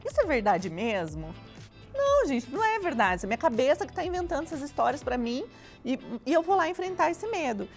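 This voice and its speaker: A woman co-hosting a casual chat, animated, laughing often and talking straight to the listeners. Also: sits high, fairly quick, soft background music. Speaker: co-host.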